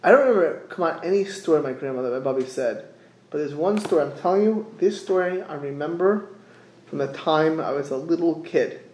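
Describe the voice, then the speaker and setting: A middle-aged man with gives an informal religious sermon, haltingly repeating phrases and posing rhetorical questions. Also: on the high side, lively intonation, darkish tone. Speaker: rabbi giving a religious class. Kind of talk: informal sermon, explaining texts with anecdotes. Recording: echoey room.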